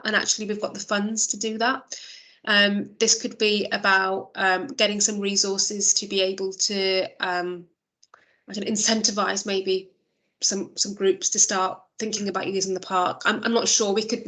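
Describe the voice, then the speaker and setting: Chairing an online meeting over a video call, a woman speaks at medium pitch in a pushed, bright voice that sounds a little worn because she is losing her voice. She thinks aloud, with fillers and restarts.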